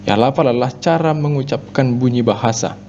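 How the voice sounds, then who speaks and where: A man's voice: mid-range voice, a little fast, darkish tone. Man teaching a lesson over mains hum. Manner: explains point by point, with frequent "ya" and "nah" fillers. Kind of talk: recorded classroom lesson. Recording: dull lo-fi audio with mains hum.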